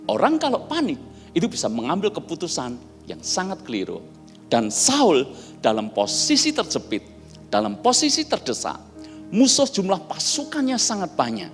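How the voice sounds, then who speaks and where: Animated pastor man. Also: sits high. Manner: chatty, animated, acts out dialogue. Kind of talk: sermon with storytelling. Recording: long reverb, soft music behind.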